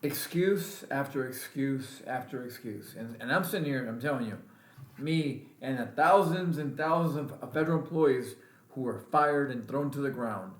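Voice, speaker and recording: A man's voice: mid-range voice, normal speed. A male veteran vlogger giving an angry, emphatic political rant and repeating his points. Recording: roomy echo.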